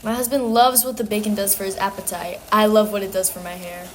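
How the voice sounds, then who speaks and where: A woman's voice: mid-range voice, steady tone, a little fast, slight background noise, natural voice. A woman playing a devoted housewife who gives an earnest testimonial in a parody radio advert.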